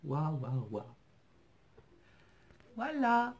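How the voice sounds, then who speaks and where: A woman vlogger chatting casually as she shows off crafts she was sent, thanking viewers warmly and hesitating often as she describes each piece. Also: low voice, big pitch swings, drawn-out words. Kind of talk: casual chat unboxing craft mail.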